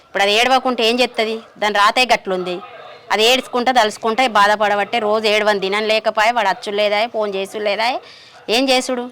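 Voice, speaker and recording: A woman's voice: medium pitch, steady tone, quick pace, fairly bright tone, a little hiss or hum, close to an everyday voice. An actress with a Telangana Telugu accent playing a grieving rural mother who keeps pleading with her daughter in a lamenting way. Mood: bitter. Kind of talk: village short film acting.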